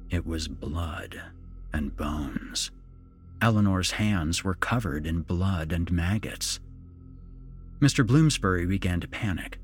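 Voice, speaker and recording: Brief: male horror storyteller, very low voice, unhurried, lively pitch, faint music under him. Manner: slow, dramatic, measured delivery. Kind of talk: scripted horror narration.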